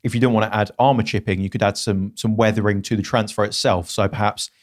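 A young man co-hosting a miniature painting critique show in a small studio, explaining techniques in a measured way into a podcast mic. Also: on the low side, steady tone. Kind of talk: casual feedback chat. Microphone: podcast mic on boom arm.

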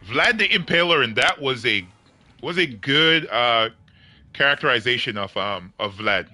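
A man's voice: medium pitch, expressive, measured pace, pushed and bright. A young man chatting casually with viewers on his game livestream, joking and laughing often in slangy talk.

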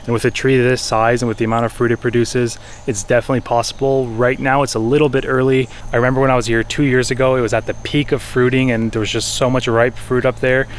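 A man in his thirties talks quickly to his camera in an informal, enthusiastic way. His pitch is middling and he explains things like a wildlife photographer vlogging from the jungle. Faint outdoor noise sits behind his voice. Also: flat delivery. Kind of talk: explanatory vlog talk to camera. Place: outdoors in jungle, orchard and by a river.

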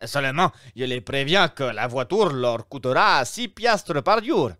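A man reading aloud and voicing an excitable, flattering Italian innkeeper in a raised, exclamatory voice. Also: measured pace, no echo, clean studio sound. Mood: eager. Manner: exclamatory, fawning, pitched high.

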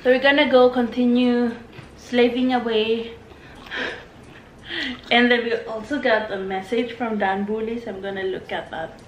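A woman's voice: on the high side, fairly even intonation, normal speed. Chatty young woman in an echoey room. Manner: chatty, lots of fillers and restarts. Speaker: vlogger. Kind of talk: casual mukbang chat. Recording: echoey room with faint noise.

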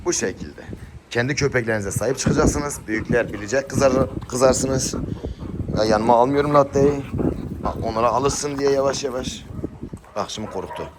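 Man calling his dogs outdoors. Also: moderate pace. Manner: coaxing dogs with short repeated commands, often calling high and loud. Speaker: dog owner vlogger. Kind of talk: casual talk to camera and to his dogs. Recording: loud background noise outdoors.

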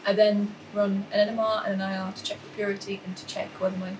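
A young woman from the Czech Republic, a chemistry PhD student, explaining her research in an earnest, measured way with the odd um. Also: mid-range voice, level tone, a little mellow, slight background noise. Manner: earnest, measured, with occasional ums. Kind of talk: scripted explanation to camera. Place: chemistry lab, indoors. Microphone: camera at a distance. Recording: echoey lab room with distant mic, music behind.

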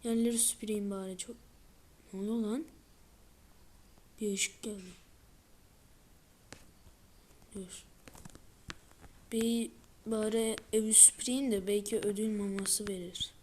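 A woman giving let's-play commentary with excitable running reactions to the screen, often dropping into a whisper. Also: mid-range voice, slow pace, long pauses, a little hiss or hum. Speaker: gaming video creator.

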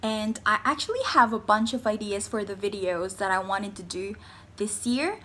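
A young woman from the Philippines chatting in a casual, excitable vlog, full of fillers and quick bursts of enthusiasm. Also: mid-range voice, soft background music. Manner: bubbly, excitable, lots of fillers. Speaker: vlogger.

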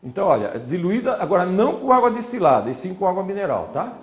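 Lively man lecturing in a hall. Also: high voice, quick pace. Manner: chatty, repeats "olha" and "né", pointing to slides. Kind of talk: informal classroom lecture.

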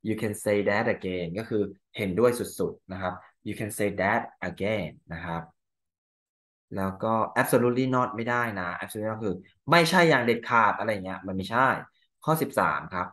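A male teacher with a Thai accent walks through exam answers, reading English lines slowly and explaining each one in Thai. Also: fairly low pitch, a bit bright.

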